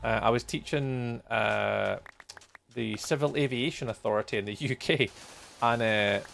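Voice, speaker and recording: Gaming live, a Scottish man in his forties rambles cheerfully to viewers, dropping ums and chuckles throughout. He speaks a little slowly in a medium-pitched, fairly bright voice with vocal fry, over faint music.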